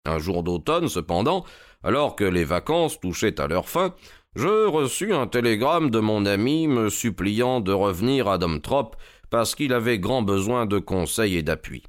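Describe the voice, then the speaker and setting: Man, low voice, measured literary narration, dry close studio sound. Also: sing-song, dry recording. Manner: measured, deliberate storytelling. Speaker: audiobook narrator.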